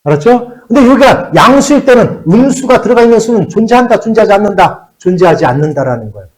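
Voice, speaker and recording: A man teaching a math class to high school students, often repeating key words and checking that they follow. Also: sing-song, fast talker, darkish tone, low-quality recording.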